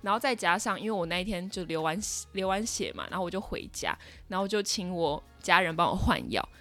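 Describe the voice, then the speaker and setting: A woman's voice: on the low side, expressive, fairly quick, fairly bright tone, faint music behind. A young woman in her twenties with a Taiwanese Mandarin accent, hosting a podcast and telling a personal story in a dramatic, exclaiming way. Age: 20s. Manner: dramatic, exclaiming, lots of fillers. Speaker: podcast host. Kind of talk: casual storytelling monologue.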